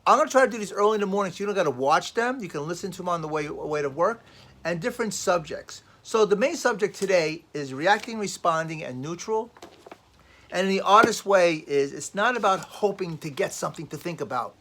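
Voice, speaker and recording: A man's voice: high-pitched, animated, fairly quick, fairly bright tone. A man talking as a life coach in a casual motivational vlog, rambling and emphatic, often repeating his phrases.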